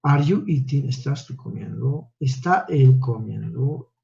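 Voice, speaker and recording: A male teacher lectures a class step by step, his voice medium-pitched, animated, creaky, and dark in tone. He takes it slowly and often checks in with listeners through tag questions like "¿no?" and "¿ya?". The recording sounds muffled.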